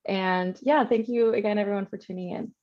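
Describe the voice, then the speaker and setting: A woman's voice: mid-range voice, steady tone, brisk. A woman from Washington State speaking earnestly and humbly as a panelist over a video call, with ums. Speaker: panelist, activist. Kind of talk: casual panel talk. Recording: muffled call audio.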